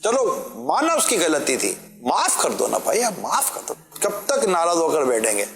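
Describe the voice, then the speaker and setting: A man's voice: on the high side, huge pitch swings, vocal fry, a bit bright, roomy sound, soft background music. A man preaching a sermon, earnestly pleading with rhetorical questions and short acted-out bits of family quarrels.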